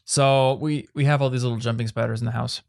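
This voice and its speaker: A man's voice: medium pitch, steady tone, quick pace, vocal fry, a little mellow. A man in his twenties hosting a podcast, telling a story in a loose, chatty way. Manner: chatty, storytelling, trailing off into asides. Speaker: podcast host. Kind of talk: casual chat.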